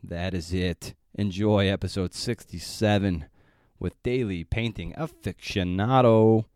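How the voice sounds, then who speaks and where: A podcast host opens his show and runs a casual interview, chatty and informal with playful asides. His voice is low, unhurried and a little mellow. The studio recording is clean and dry.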